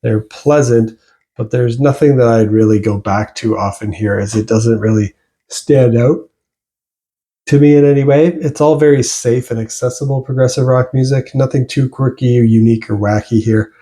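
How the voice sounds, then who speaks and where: Mellow-voiced man reviewing albums. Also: medium pitch, normal speed. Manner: relaxed, rambling, with fillers and restarts. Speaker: music reviewer. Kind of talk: casual album review vlog.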